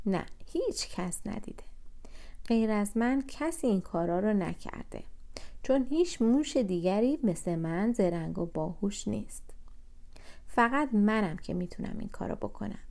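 A woman voicing a tiny, boastful mouse in a children's storybook, proud of its own cleverness but quick to fear. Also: medium pitch, expressive, creaky, a little mellow. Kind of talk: storybook reading.

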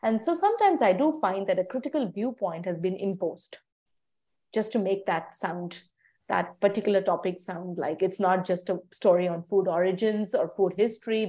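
This food writer from India, a woman, gives conversational answers as an interview guest. Her mellow, lowish voice sounds reflective and measured, and she pauses to search for words.

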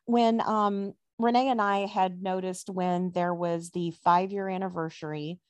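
A woman's voice: fairly low pitch, fairly even intonation, a little slow, no echo. A woman hosting a podcast interview, talking in a friendly, chatty way with frequent fillers. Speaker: podcast host. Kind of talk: casual conversational interview.

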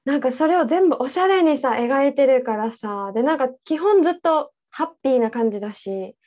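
Young female co-host, high voice, chatty storyteller, slightly muffled recording. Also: lively intonation, brisk, a little mellow. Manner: chatty storyteller, laughs often. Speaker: podcast co-host. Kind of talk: casual chat.

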